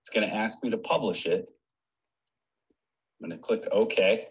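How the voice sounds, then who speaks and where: A man's voice: on the low side, normal speed, husky. A man presenting a webinar, walking viewers through a screen-share tutorial in a friendly, step-by-step way over a computer mic. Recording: dull lo-fi webinar audio.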